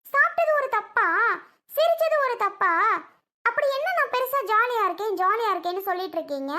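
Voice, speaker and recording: Woman as a complaining young wife in a family drama skit, very high bright voice. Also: lively intonation, brisk, exaggerated voice. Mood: defensive. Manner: defensive, complaining. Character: defensive young wife Priya.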